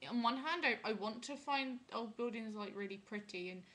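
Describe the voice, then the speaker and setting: A woman's voice: fairly high pitch, moderate pace, bright, forceful tone. A young British woman chatting casually with a friend in a giggly, teasing way. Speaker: vlogger, opera singer.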